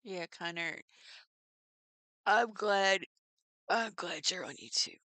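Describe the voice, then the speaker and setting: A woman's voice: fairly low pitch, lively intonation, slow, sharp tone, no room sound. A middle-aged woman hosting her own livestream, chatting casually with viewers and laughing often. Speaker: livestream host. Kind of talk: casual chat with live viewers.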